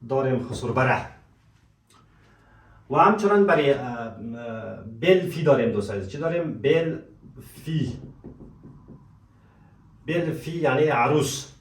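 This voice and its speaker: A man teaching vocabulary, repeating words slowly and calling his students dear friends, in an echoey room away from the mic. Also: mid-range voice, animated, far from the mic, a little hiss or hum. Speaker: language teacher.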